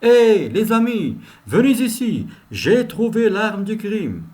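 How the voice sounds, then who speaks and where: A man voicing an excited male detective who loudly calls his colleagues over after finding a clue. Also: sits high, takes it slowly, pitched above the performer's own voice, full character voice. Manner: loud, raised calling voice.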